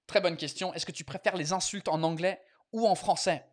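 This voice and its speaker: A man's voice: high-pitched, steady tone, brisk. Swearing bilingual comedian host, man. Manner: mixes French and English, swears freely. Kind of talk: casual bilingual live chat.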